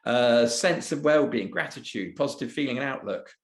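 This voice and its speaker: A man hosts a live webinar over a video call, talking loosely and reading audience replies aloud. His pitch sits in an ordinary middle range. The sound is roomy, with a noticeable echo. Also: moderate pace. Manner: conversational, reads out audience chat answers. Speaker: webinar host and presenter.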